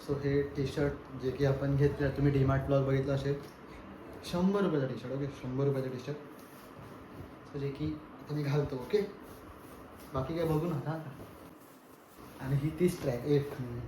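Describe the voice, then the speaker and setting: A man's voice: medium pitch, steady tone, normal speed, pauses often, background noise. A young man casually vlogging from his village home, chatting and mixing in English words. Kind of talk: casual vlog chat. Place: village house.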